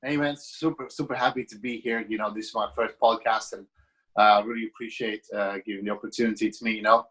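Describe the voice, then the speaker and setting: A Latvian man of about 30, a business owner appearing as a podcast guest, has a Latvian accent with a slight British tinge. His voice is lowish, steady, quick and a bit bright, and the audio is poor. The interview is casual, and he chats in a friendly, rambling way with lots of fillers and restarts.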